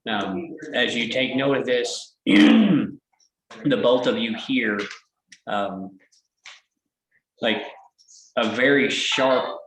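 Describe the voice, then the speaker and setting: A man's voice: medium pitch, extremely slow, pauses often, fairly bright tone, echoey room, slight background noise, low-quality recording. A man running a tabletop game as game master, describing scenes in a hesitant way with many fillers.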